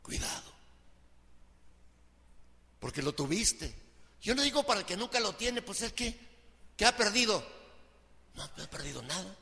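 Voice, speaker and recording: A male pastor delivers an impassioned sermon in a high, piercing voice, sinking to hushed tones and then climbing to shouted pleas. His voice rings out with a long reverb, as if in a large hall. It has a bright, cutting edge. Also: sing-song, brisk, pauses often. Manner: impassioned preaching, swinging from soft to shouted pleading.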